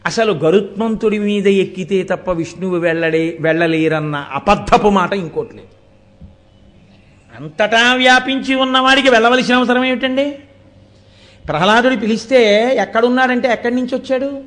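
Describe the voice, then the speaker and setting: A man's voice: sits high, steady tone, moderate pace, fairly bright tone. A man giving a live devotional discourse to an audience, asking rhetorical questions and quoting verses as he explains. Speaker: spiritual discourse speaker.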